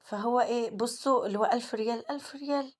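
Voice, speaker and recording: A woman with an Egyptian accent vlogging at home, telling a story to her viewers as she cleans and talking to them directly. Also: a little high. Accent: Egyptian Arabic. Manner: talks fast, keeps addressing viewers directly. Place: at home, in the kitchen.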